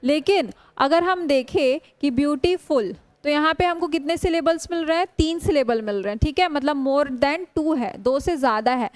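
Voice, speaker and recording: Woman teacher, high voice, drags out english words slowly, keeps asking the class questions. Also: lively intonation, no echo. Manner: slow, drawn-out spelling of English words; frequent rhetorical questions to students. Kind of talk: classroom lecture.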